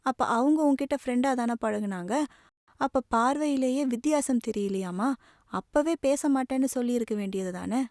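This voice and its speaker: A woman's voice: fairly high pitch, moderate pace, dark tone, no room sound, clean studio sound, natural voice. A woman voicing a caring, teasing teenage younger sister who questions her brother in a tearful, pleading way. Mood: upset, tearful.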